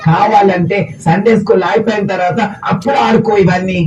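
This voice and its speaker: Male puppet-show presenter, pleading teacher tone, higher voice, loud background noise. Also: fairly even intonation, brisk. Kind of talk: children's puppet show dialogue. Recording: distant, dull, very noisy recording.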